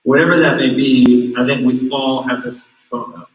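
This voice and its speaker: Youth group host, relaxed and encouraging, mid pitch, recorded from across a roomy space. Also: male voice, normal speed. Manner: easygoing, encouraging, frequent ums. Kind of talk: casual livestream chat. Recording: roomy room, mic at a distance.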